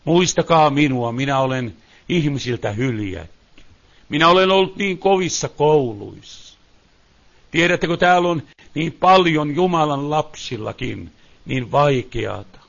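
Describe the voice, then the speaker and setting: A man's voice: a little high, creaky, fairly bright tone. Man leading a prayer meeting, pleading and fervent, muffled lo-fi sound. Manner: impassioned, pleading, repetitive invocations. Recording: dull lo-fi recording.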